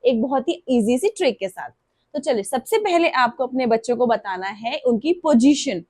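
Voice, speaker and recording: A woman teaching parents how to explain vowels to young children, drawing out and repeating example words slowly. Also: high-pitched, expressive, a little mellow, dry recording, clean studio sound. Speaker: preschool Hindi teacher.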